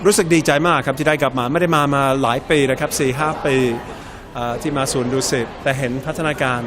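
A man answering interview questions casually, in a relaxed way with fillers. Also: on the high side, fast talker, noisy background. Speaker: interviewed guest.

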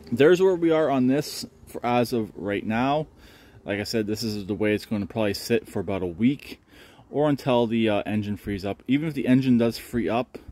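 Man, fairly low voice, relaxed rambling tinkerer narrating a tractor fix outside. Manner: relaxed, rambling, many fillers. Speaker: channel host working on a lawn tractor. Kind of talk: casual off-camera repair narration. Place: outdoors in a yard beside a shed.

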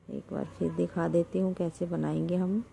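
Hosting a knitting tutorial, a woman patiently explains each step, counts stitches aloud, and calls viewers friend. Her voice sits on the low side, creaky and level-toned, at a moderate pace. Background noise can be heard.

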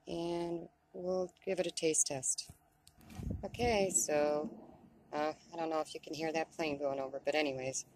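A woman with a low voice chats casually in a how-to vlog filmed inside her van on a camera set on a tripod, with a little hiss or hum audible. She says "um" a lot and is self-deprecating.

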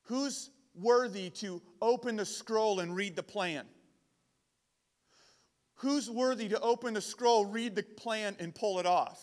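A man's voice: high-pitched, slow pace. A man giving a casual youth sermon, often repeating words as he builds his points. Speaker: camp speaker. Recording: long hall reverb.

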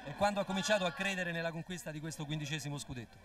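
A middle-aged male reporter puts formal post-match questions at a fast clip. His voice is fairly high and a little distant, with a crowd clearly around him. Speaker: sports interviewer. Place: crowded changing-room area. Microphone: handheld microphone held toward guests. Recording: distant old TV recording with crowd.

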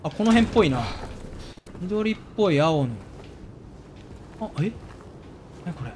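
A man's voice: high-pitched, animated, measured pace, noisy background. A man giving jumpy let's play commentary, yelping and squealing whenever something scares him. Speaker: game streamer. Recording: voice over game music.

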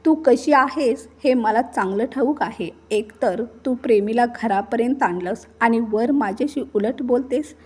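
A woman's voice: fairly high pitch, measured pace, few pauses, darkish tone, husky. A woman voicing a harsh, suspicious husband who growls accusations at his wife. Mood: accusing. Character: harsh, suspicious young husband, violent temper.

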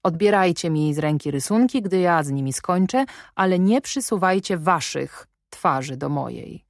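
A woman reading a stern, brusque gentleman. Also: fairly low pitch, animated, moderate pace, no room sound, studio quality. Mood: imperious. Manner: imperious, probing, sardonic. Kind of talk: audiobook reading.

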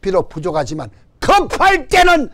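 Standing at a front stand mic on a church stage with a banner behind him, an older Gyeongsang-accented pastor preaches with animated energy. His pitch is extremely high and his speed normal as he trades call-and-response amens and jokes with the crowd.

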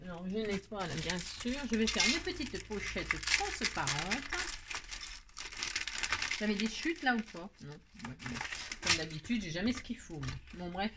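A woman's voice: mid-range voice, very animated, moderate pace, heavy background noise. A woman hosting a casual scrapbooking tutorial at home, chatting to viewers in a rambling, self-mocking way as she works. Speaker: craft tutorial host.

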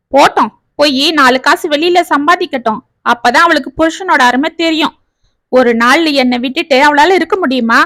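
A woman's voice: sits high, sharp tone, dry recording. A woman voicing an angry middle-aged husband and father who rants and scolds in a raised voice, read as a storybook. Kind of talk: storybook reading.

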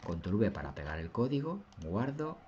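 Guy w/ deep voice doing a screen tutorial, kinda muffled mic, faint typing behind. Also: very animated, normal speed, darkish tone, a little hiss or hum. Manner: patient, step-by-step, often asks "¿lo veis?". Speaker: teacher. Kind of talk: screen-recorded software tutorial.

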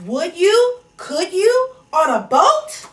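Here her very high, pushed-up voice is strongly animated and theatrical, taking its time as the persistent, cheerful pest keeps coaxing and asking questions while urging food on someone. It's recorded from a distance in an echoey space.

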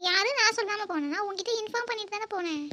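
Cartoon lead: a woman voicing an earnest young woman in love, very high and squeaky, fast-talking and emotional. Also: bright, forceful tone, slight background noise. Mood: defensive. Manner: emotional, pleading. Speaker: narrator and lead character. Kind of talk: cartoon voice acting.

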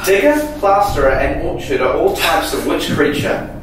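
A young man with a fairly high, swinging voice banters casually through a quiz challenge. He sounds distant in a very reverberant bathroom. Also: animated, moderate pace. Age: young adult. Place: small tiled bathroom indoors. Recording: echoey bathroom, distant mic, background music.

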